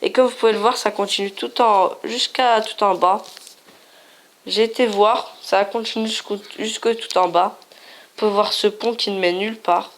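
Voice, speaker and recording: Hosting a casual game video at a moderate pace, a woman speaks in a medium-pitched, steady voice. She's playful and talkative, repeating herself often as she shows things on screen.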